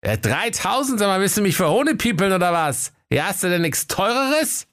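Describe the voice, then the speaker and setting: A man doing a high whiny stingy rich man. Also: sing-song, moderate pace, a bit bright, exaggerated voice. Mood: scornful. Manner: blustering, whiny, cartoonish. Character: stingy, vain, rich older man, blustering.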